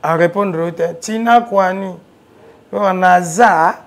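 Taking it slowly in a high-pitched voice, a man with a Congolese French accent chats about his music career from a TV studio sofa, switching between French and Lingala. His storytelling is animated, and he grows loud when he gets excited.

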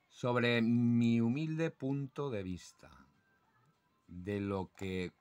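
A man's voice: mid-range voice, pushed and bright. A man with a Spanish accent teaching the rules for judging songbird calls, imitating the calls aloud. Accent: Spanish (Spain). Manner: slow, deliberate, imitates bird calls aloud. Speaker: birdsong judging instructor. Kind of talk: explanatory lesson.

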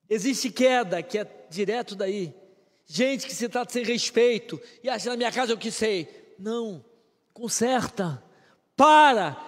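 A man's voice: high-pitched, big-room sound. A Brazilian man preaching a live-streamed sermon as pastor, emphatic, with short repeated commands. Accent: Brazilian Portuguese. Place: church sanctuary.

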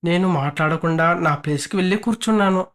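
A man with a high-pitched voice narrates a first-person audio story. His delivery is steady and even. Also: quick pace.

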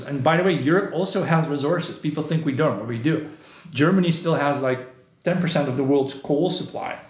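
A man talks loosely on his live stream, answering viewer comments in a rambling, opinionated way. His voice sits at an ordinary middle pitch. The room around him is echoey. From southern Netherlands. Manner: rambling, opinionated, many "you know" fillers.

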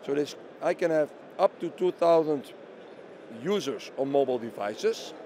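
At a busy trade show booth, a company representative is interviewed through a handheld mic held by the interviewer, explaining a product step by step and answering his own questions. His voice is mellow and relaxed, slightly raised in pitch, at a moderate pace with a little hiss or hum, over a light bustle of the exhibition hall.

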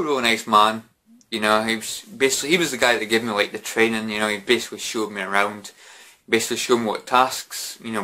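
Bright-voiced young British man, drunk and rambling. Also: lowish voice. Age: young adult. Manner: rambling, repetitive, frequent "you know". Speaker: vlogger. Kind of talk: casual chat to camera. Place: small bedroom at home.

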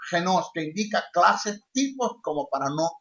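A man's voice: high voice, lively intonation, moderate pace, fairly bright tone. A male preacher teaching a sermon emphatically, repeating his key phrases. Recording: dull lo-fi sound.

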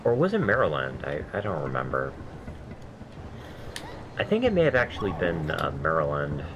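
Over background noise, a nasal man with an extremely low voice that swoops wildly in pitch chats at a moderate pace during a let's-play. He rambles between stories, jokes at his own expense, and swears at his mistakes and deaths.

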